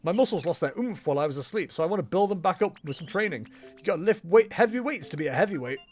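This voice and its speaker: An earnest little fighter monster read by a man from a video game, obsessed with muscle. The pitch is on the high side and moves around a lot. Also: animated, fast, darkish tone, faint music behind. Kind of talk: acting out video game dialogue.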